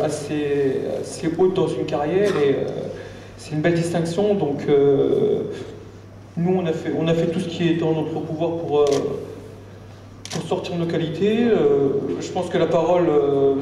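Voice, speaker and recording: A man, a boxer, answering press conference questions in a hesitant, measured, earnest way. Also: on the high side, mellow. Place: echoey press conference room. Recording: echoey hall, distant mic, faint noise.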